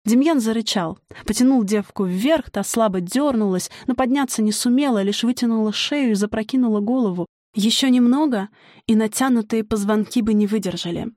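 A woman reading a dark folk fantasy as an audiobook narrator, measured and dramatic. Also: fairly high pitch, no room sound, clean studio sound. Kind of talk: scripted narration.

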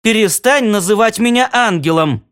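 A man reading a story aloud and voicing a jealous, demanding young woman in a high, indignant, scolding voice. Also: animated, normal speed, a bit bright, clean tone. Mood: shrill scolding.

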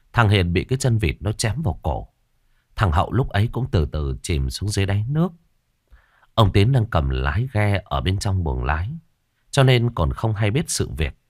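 A man narrating an audio story in an expressive manner. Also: fairly low pitch, no room sound, clean studio sound.

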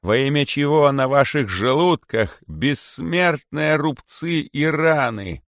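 An old python king rules his snakes in a storybook, raised high and slowed to a theatrical wail, as a man puts him on. His bitterness swells into yelling. The sound is dry and close. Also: animated, dry recording. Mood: bitter wailing. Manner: slow, drawn-out, wailing declamation.

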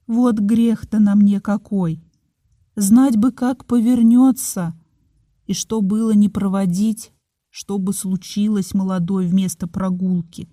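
A woman's voice: mid-range voice, mellow, no echo, clean studio sound. A woman voicing a talkative older village mother telling her story in folksy rustic speech.

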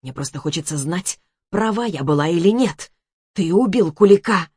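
Narrator doing a no-nonsense young woman detective, low voice, dry sound. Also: expressive, normal speed, darkish tone, breathy edge, no echo. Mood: hushed.

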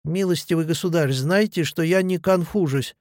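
A man's voice: fairly high pitch, normal speed, a little mellow, dry recording, clean studio sound, close to an everyday voice. A man reading the lines of a bitter, touchy young clerk who answers in clipped, defensive retorts. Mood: defiant.

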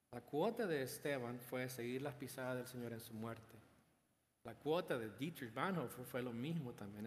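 A man preaching a sermon, addressing the congregation with rhetorical questions and building emphasis. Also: mid-range voice. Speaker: pastor. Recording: long hall reverb.

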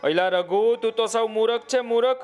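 Give me a crafty, flattering shopkeeper, done by a man for a kids' storybook, pitched high. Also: measured pace, faint music behind. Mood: scolding. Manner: coaxing, flattering, scolding. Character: sly smooth-talking male shopkeeper uncle.

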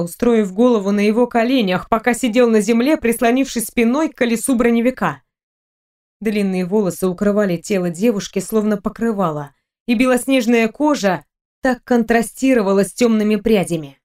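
Woman reading a romance novel aloud, even and gentle, mid-pitched voice. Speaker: audiobook narrator. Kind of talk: scripted narration.

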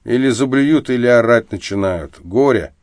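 A man voicing a burly cab driver who grumbles and complains gruffly. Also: mid-range voice, normal speed, darkish tone, no room sound, clean studio sound, voice pushed up, close to an everyday voice. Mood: grumbling.

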